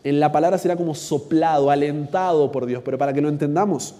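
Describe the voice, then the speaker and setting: A man's voice: on the high side, fairly even intonation, fast, warm tone. A man with an Argentine accent teaching a Bible workshop, asking his audience rhetorical questions. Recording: long hall reverb.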